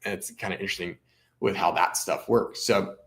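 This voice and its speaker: A man's voice: low voice, a little fast, a bit bright. A man who works as a realtor, hosting a casual live stream. He talks in a chatty way, often restarting his sentences and adding sarcastic asides.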